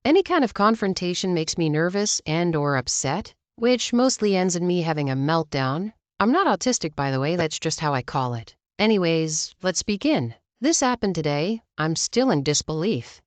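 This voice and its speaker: Low-voiced woman reading a Reddit story. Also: expressive, moderate pace, few pauses, dry recording. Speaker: story narrator.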